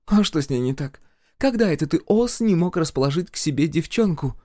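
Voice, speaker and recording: A man voicing a hoarse, rude punk teenage girl in an audiobook, with a husky, hissing, contemptuous delivery. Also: on the high side, lively intonation, a little fast, a little mellow, no room sound, pitched above the performer's own voice, close to an everyday voice. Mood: mocking. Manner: snarling, contemptuous. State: hoarse from a cold. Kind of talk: audiobook character voice.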